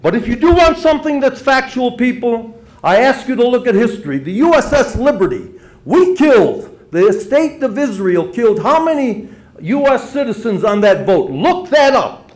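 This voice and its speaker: A man's voice: very high-pitched, sing-song, normal speed, darkish tone. A man in his seventies from Michigan, giving a rambling, insistent public comment at a city council meeting. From Dearborn, Michigan. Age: 70s. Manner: rambling, insistent, repeats "and so forth".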